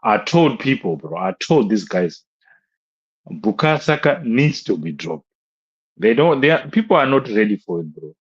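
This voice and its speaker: A man's voice: mid-range voice, big pitch swings, normal speed, slightly rough, lo-fi sound. Exasperated young man ranting on stream. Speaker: football fan streamer. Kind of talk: live stream match rant.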